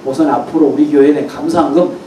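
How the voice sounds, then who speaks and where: A man's voice: fairly high pitch, steady tone, fast talker, dark tone, a little hiss or hum, voice pushed down, close to an everyday voice. A male pastor voicing an earnest, grateful older businessman in a sermon story. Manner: earnest, polite. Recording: echoey hall, mic far off.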